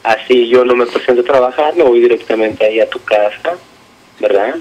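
A Mexican man from Mexico City with a mid-pitched voice speaks hesitantly on a phone call. He rambles and keeps tagging his sentences with "right?". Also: brisk, darkish tone. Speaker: prank-call target.

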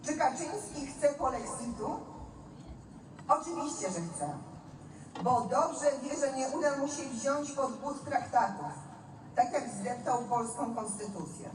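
An echoey, distant outdoor recording carries a Polish woman making a rally speech. She speaks slowly and emphatically, with repeated phrases built for a crowd. Her voice sits high. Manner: emphatic, deliberate, repetitive rhetorical phrasing. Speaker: political speaker at a demonstration. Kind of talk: rally speech, addressing a crowd with chanted slogans. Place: outdoor city demonstration. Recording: echoey outdoor public address, distant, faint noise.

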